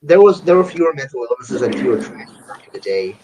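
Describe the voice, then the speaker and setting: A young man in his twenties speaks at a middle pitch, blunt and crude, trailing off and restarting as he goes. A steady hiss sits under his voice all the way through. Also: fast. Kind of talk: casual group chat. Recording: noisy recording with audible hiss.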